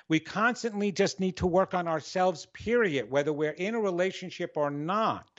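A man with a New York accent, hosting a radio talk show with an animated, energetic, dramatic way of speaking. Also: on the high side, dull audio. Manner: dramatic, expressive, repeats and restarts. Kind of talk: solo talk monologue.

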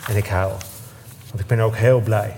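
A man on a theatre stage telling a personal story in an emotional, halting way, often breaking off and starting again. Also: lowish voice, steady tone, creaky, a little mellow, slight background noise. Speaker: guest storyteller. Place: theatre stage before a live audience.

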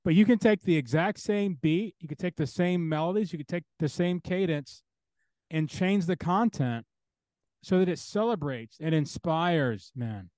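Brief: male interview guest, theologian, emphatic and insistent, stacks phrases in a row, fairly high voice, dry close sound. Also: moderate pace, a little mellow, no room sound. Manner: emphatic, builds points through repeated parallel phrases. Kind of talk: earnest interview talk.

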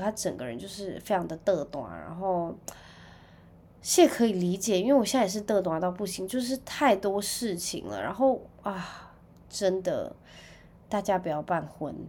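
Chatty Taiwanese woman, lowish voice. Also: husky. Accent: Taiwanese Mandarin. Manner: chatty storytelling, sudden loud outbursts. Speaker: podcast host. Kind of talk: casual chat.

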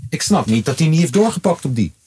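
A man, a father, co-hosting a podcast in casual, slang-heavy chat that breaks into animated, high-pitched exclamations. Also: quick pace, husky. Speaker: podcast co-host.

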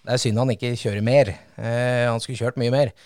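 Lively man telling racing stories. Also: medium pitch, dry recording. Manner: lively storyteller with sudden bursts and laughs. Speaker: guest, racing driver. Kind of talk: casual podcast chat.

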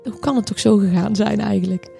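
A woman in her thirties telling a personal story in a halting, reflective way, with many restarts and fillers. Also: medium pitch, fairly even intonation, creaky, dark tone, soft background music.

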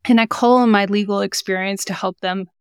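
A woman's voice: mid-range voice, fairly even intonation, fairly quick, clean tone, no echo, clean studio sound. A woman speaking as a guest in a podcast interview, explaining her coaching work for mothers in an earnest, encouraging way. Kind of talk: conversational interview.

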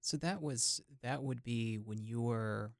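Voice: medium pitch, slow pace, vocal fry, darkish tone, no room sound, clean studio sound. An interviewer chatting casually, reacting and rephrasing questions as they go.

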